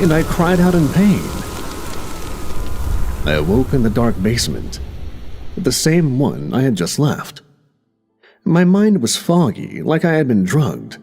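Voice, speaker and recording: A man's voice: medium pitch, a little mellow. A man narrating a first-person horror story in a tense, dramatic way. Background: music.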